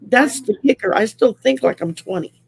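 A woman in her sixties from Louisiana, USA, chats casually as a guest on a video call from a room at home. Her voice is fairly high and animated, with a creaky quality, and she talks at a normal speed, rambling with many fillers and laughing often. The recording quality is low.

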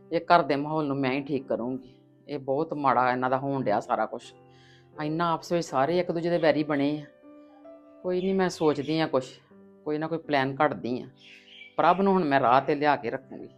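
A determined Punjabi aunt plotting how to mend her feuding family, as a woman plays her. She muses aloud in a low voice. Faint guitar music sits behind her. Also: lo-fi sound, natural voice. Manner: musing aloud, resolute. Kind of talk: village family web drama.

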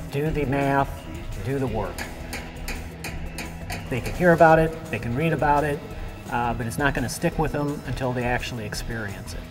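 A middle-aged man talks about teaching in an earnest, practical manner. His voice rings with a long reverb. Music runs clearly behind him. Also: medium pitch. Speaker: instructor. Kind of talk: interview.

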